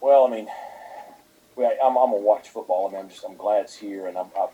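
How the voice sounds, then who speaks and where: Brief: male head coach at a press conference, low husky voice, halting with lots of fillers. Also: dark tone, lo-fi sound.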